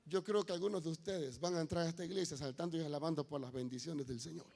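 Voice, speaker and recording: A man's voice: on the high side, steady tone, fast talker, creaky, a little mellow. A male pastor giving an emphatic sermon in church, with folksy asides. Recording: long reverb of a church hall.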